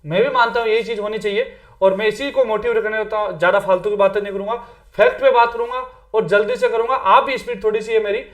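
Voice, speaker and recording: Quick and steady, his voice sitting high, a Rajasthani teacher runs a relaxed Hindi lesson for exam prep. English words slip into his chatter, and "theek hai" keeps popping up at the ends of lines.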